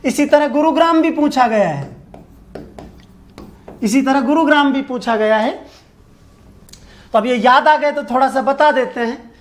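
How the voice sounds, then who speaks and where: A male teacher with an extremely high voice delivers an online exam-prep lecture a little slowly, pausing often. He poses questions, then answers them himself and restates key points, asking viewers directly to answer in the comments.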